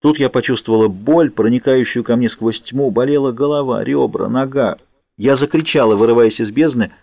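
A man narrating an audiobook in a slow, measured reading, close to a studio mic. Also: mid-range voice, gravelly, a little mellow, no echo. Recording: dry, dull lo-fi sound.

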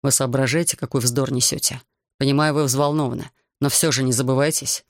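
A man voicing a stern, influential host who questions his visitor in a measured, probing way. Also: mid-range voice, fairly even intonation, dry recording, studio quality, lightly acted.

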